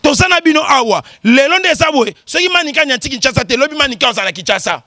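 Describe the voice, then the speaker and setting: A man hosting a show with animated commentary, teasing people, breaking into exclamations and laughs. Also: extremely high pitch, quick pace, no echo, studio quality. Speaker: show host.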